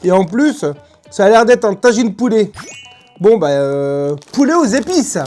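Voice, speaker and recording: A woman's voice: medium pitch, animated, unhurried, a little mellow. A woman giving casual, chatty and emphatic tasting commentary in colloquial speech. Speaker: host of food tasting video. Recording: music playing behind.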